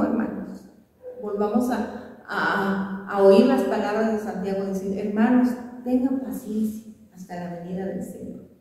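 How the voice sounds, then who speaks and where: A woman's voice: fairly high pitch, dark tone. Woman pastor preaching in an echoey hall. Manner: reads scripture slowly, then explains it earnestly; often repeats and restarts words. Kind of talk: sermon teaching. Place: church sanctuary. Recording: echoey church hall, voice from far off.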